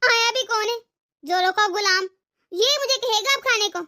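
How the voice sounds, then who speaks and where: A woman's voice: extremely high pitch, normal speed, pushed and bright. A woman voicing a stubborn, domineering older mother-in-law in a cartoon, scolding and threatening. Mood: scornful. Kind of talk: cartoon voice acting.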